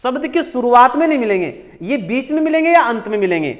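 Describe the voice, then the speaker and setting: A male coaching-class teacher with a very high-pitched voice works through a grammar lesson. He says each term again and again, asks a question, then answers it himself. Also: sing-song, quick pace. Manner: repeats key words, asks and answers himself.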